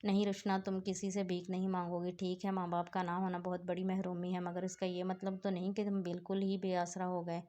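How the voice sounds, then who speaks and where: A woman's voice: lowish voice, monotone, few pauses, mellow, lightly acted. A woman voicing a concerned, insistent young man in a read-aloud novel, firm and caring.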